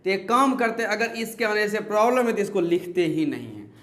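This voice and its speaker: A male teacher with a fairly high voice gives a classroom grammar lesson. He explains step by step, repeats key words and keeps asking the class questions. The room echoes around him. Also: very animated, a little fast, a bit bright. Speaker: English teacher.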